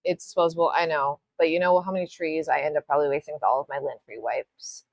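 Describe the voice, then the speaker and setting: A woman with a low, steady voice hosts a live-stream nail art tutorial, talking quickly with no room sound. She chats casually as she works, rambling, apologizing, and swearing a little.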